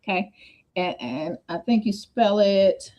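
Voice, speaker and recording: A woman hosting a casual livestream chat on a video call, talking fast and jumping between points with many asides. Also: mid-range voice, expressive, mellow, dull audio. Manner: fast, scattered, chatty with repeated asides.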